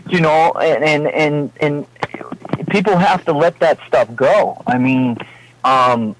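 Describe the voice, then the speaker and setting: A man's voice: a little high, slow, slight background noise, rough recording. A man with a Massachusetts accent, a heavy metal singer talking as a guest in a casual radio interview, rambling and laughing between phrases.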